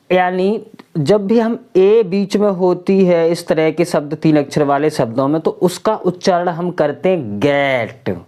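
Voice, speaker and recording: A woman's voice: sits low, warm tone. A woman teaching English pronunciation, spelling out each word letter by letter and then saying it twice. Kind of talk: slow, deliberate pronunciation lesson.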